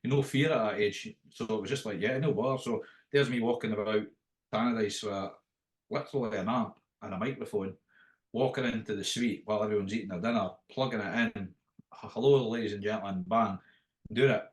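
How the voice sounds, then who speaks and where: A man's voice: fairly low pitch, fairly even intonation, a little fast, echoey room, low-quality recording. A middle-aged Scottish man with a Dundee accent, telling career anecdotes in a casual, rambling interview style with frequent restarts. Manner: rambling, often restarts phrases mid-thought. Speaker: interview guest, after-dinner impressionist.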